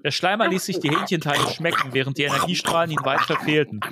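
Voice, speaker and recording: A podcast co-host with a German accent reads a film novel aloud, playing it up with dramatic emphasis and joking asides. His voice is on the high side and fast, and the recording is very noisy.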